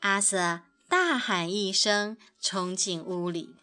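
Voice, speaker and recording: A woman reading a children's picture book aloud, gentle and expressive. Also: medium pitch, slow pace. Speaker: storyteller.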